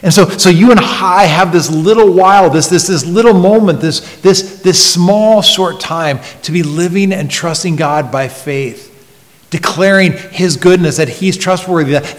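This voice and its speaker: A male pastor delivers a slow, deliberate sermon in a somewhat high voice. He leans hard on key words, then drops to a near-whisper, circling back over his phrases. His voice rings with a long reverb, as if recorded in a church sanctuary. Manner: earnest, swings from loud emphasis to hushed near-whisper; repeats words in restarts.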